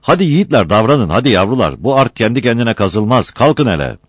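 A man plays a hearty old foreman in a storybook reading, calling out to his crew. His voice is loud, lifted and lively. The sound is close and dry. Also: fairly low pitch, brisk, dry recording, voice pushed up, natural voice. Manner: urging, hearty. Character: older grey-haired male work foreman.

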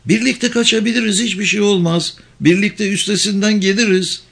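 A man's voice: on the high side, normal speed, pitched above the performer's own voice, natural voice. Distraught young mother, as a male reader puts her on, raised, shaky, pleading tone, audiobook. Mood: desperate arguing. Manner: tearful, urgent, pleading.

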